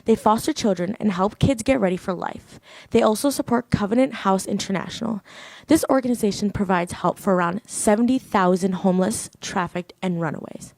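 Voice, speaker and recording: A woman's voice: mid-range voice, fairly quick, gravelly, a little mellow, no echo. A young woman reporting a scripted school news story.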